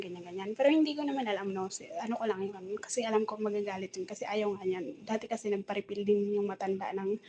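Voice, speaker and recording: A woman's voice: medium pitch, darkish tone, poor audio. A woman with a Filipino accent telling a rambling, aggrieved story in a casual vlog, mixing English words into her talk. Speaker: domestic helper vlogger.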